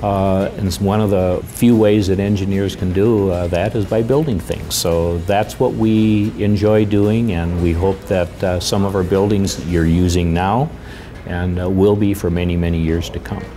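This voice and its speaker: A male engineer speaking calmly in a local TV interview, often pausing on fillers. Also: low voice, faint music behind.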